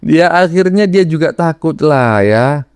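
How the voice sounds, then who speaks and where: A man's voice: on the high side, lively intonation, unhurried, darkish tone, clean tone, no echo, clean studio sound. A man in casual political chat who keeps asking for agreement with little tag questions.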